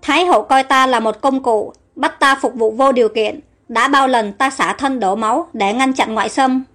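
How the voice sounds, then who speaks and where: A brooding, resentful outcast prince in a storybook who nurses old grievances, voiced by a woman reading in her own high voice. His lines come out heavy and bitter. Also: moderate pace, fairly bright tone, soft background music.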